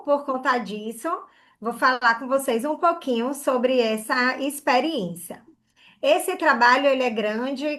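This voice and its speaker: Here a woman from Bahia, Brazil, runs an earnest online hair care lesson, peppering it with "né?" and "tá?". She has a high-pitched, slightly bright voice.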